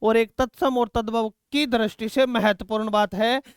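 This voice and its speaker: A man teaching a Hindi grammar lesson for exam students, repeating key words slowly and calling his students "beta". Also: very high-pitched, steady tone, clean tone, dry recording, studio quality.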